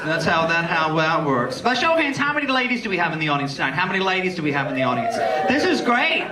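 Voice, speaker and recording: A man's voice: on the high side, animated, racing, heavy background noise. A man hosting live stand-up as a drag queen, working the crowd in a campy, theatrical, bawdy manner. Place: live comedy show with audience. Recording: echoey live venue, distant, loud audience laughter.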